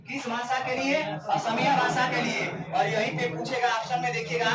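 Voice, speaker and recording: Male coaching teacher, high voice, drills answers by repetition; recorded from a distance over loud classroom chatter. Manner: repeats each question and answer, drilling the class; keeps telling the class to stay quiet. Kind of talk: classroom lecture with call-and-response quizzing. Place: classroom full of students. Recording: echoey classroom, mic far off, chatter.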